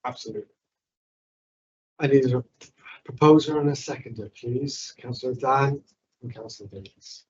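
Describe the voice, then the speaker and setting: A man, the council leader, chairing a meeting and moving through items in a brisk, procedural way. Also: mid-range voice, a little mellow. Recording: distant, muffled mic with faint noise.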